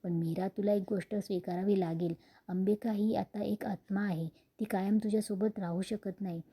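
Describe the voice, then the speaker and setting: A woman voicing a calm, wise elderly grandmother who speaks soothingly. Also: medium pitch, moderate pace, breathy edge. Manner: soothing, advising.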